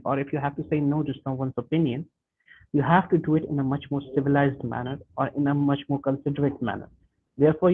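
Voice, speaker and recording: A man presenting a webinar lesson, talking haltingly with frequent restarts and self-corrections. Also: a little high. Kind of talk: lecture on workplace communication. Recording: tinny phone-like webinar audio.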